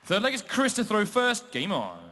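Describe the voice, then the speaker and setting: A man working as a darts score caller, announcing scores and legs in a loud, clipped announcer's delivery. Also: high voice, huge pitch swings, moderate pace, a little hiss or hum.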